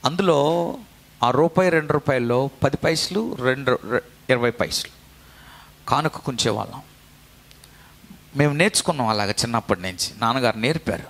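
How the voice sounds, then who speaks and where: A man's voice: mid-range voice, animated, moderate pace, pauses often, fairly bright tone. A man preaching a sermon as a pastor, exhorting the congregation with repeated phrases and calls for them to answer back. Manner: preaching with call-and-response to the congregation; repetitive, exhortative delivery.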